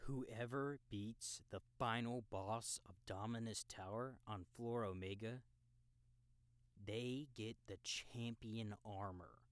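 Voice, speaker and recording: This audiobook dialogue from a game-world story features a man with a lowish voice speaking slowly. He plays a laid-back, cocky young gamer guide who sounds casual, slangy and teasing while explaining.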